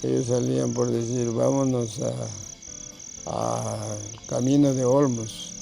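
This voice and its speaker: Older man, northern Peruvian accent, very creaky voice, rambling fireside-style oral storyteller, music clearly behind him. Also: medium pitch, little pitch movement, slow pace, warm tone. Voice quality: gravelly, creaky aged voice. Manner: rambling, repeats phrases, colloquial. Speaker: grandfather recounting local oral history.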